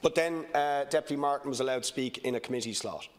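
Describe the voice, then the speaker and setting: An Irish man making a procedural protest in parliament, insistent and halting, repeating himself. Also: medium pitch. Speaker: opposition parliamentary deputy.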